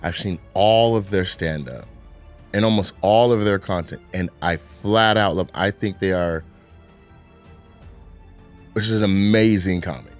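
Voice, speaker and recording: A low-voiced man talking as a comedian guest in a relaxed chat. He is playful and animated, choosing his words with care, with faint music in the background. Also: unhurried, long pauses. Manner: animated, playful, careful hedging. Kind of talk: casual chat.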